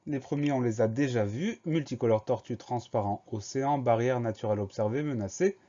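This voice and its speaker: A man teaching a spelling lesson for young schoolchildren, going slowly and spelling each word letter by letter. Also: medium pitch, dark tone, lo-fi sound. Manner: slow, spells words letter by letter.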